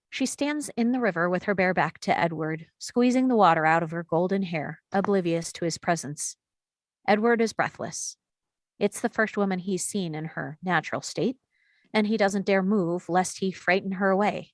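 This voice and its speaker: A woman reading stage directions aloud in a table read, steady and clear. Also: fairly low pitch, dry recording, studio quality.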